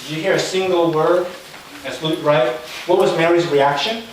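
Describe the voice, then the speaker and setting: A man preaching a sermon as pastor, animated and quizzing his congregation. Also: a little high, normal speed, slight background noise. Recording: echoey room from far off with crowd. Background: congregation voices.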